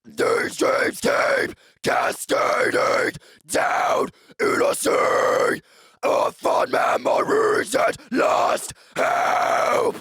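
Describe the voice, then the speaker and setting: A man performing as an aggressive metal vocalist, demonstrating harsh, raspy false-cord screams with forceful shouting. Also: very high voice, fairly even intonation, no echo, studio quality, pitched above the performer's own voice, full character voice. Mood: aggressive, intense. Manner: forceful, drawn-out or rhythmic shouting.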